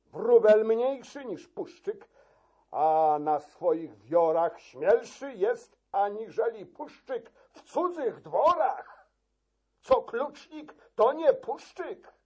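A fiery old castle key-keeper, voiced by a man in a dramatic verse reading. He shouts indignantly, his husky voice jumping high and climbing in wide swings. He speaks slowly and deliberately. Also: expressive, dull audio, exaggerated voice.

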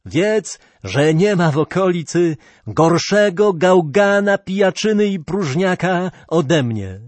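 Give us a ragged, lame fiddler in a storybook, a reformed robber who talks bluntly and humbly about his past, as a man reads him. The voice swings up and down expressively and comes slowly. It sounds dry and close. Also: sits high, sing-song, a little mellow, no room sound, voice pushed up, exaggerated voice. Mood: confessing.

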